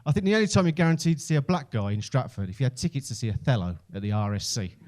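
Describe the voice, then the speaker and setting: A stand-up comedian from Birmingham, England, tells stories in a Brummie accent, conversational, self-deprecating, and sweary. His mid-range, darkish voice is animated and races along.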